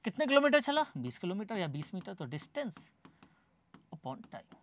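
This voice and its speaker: A man's voice: high-pitched, sing-song, a little slow, a bit bright, slight background noise. A male teacher giving a classroom lecture, asking questions and answering them himself, mixing English terms into his explanation. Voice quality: repeats each point as question and answer. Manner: addresses students as "bhai sahab".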